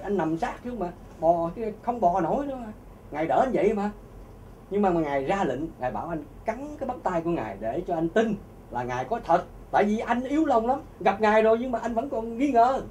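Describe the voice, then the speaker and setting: A man telling a religious testimony to an audience, animated and often repeating words as he searches for them. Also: high voice, far from the mic, slight background noise. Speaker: speaker giving a religious testimony.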